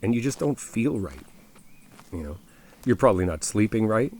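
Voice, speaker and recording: In an ASMR audio roleplay, a man with a low voice plays a caring best friend, speaking casually and directly to the listener. He is very animated yet moderately paced, coaxing and reassuring with gentle insistence and an earnest tone.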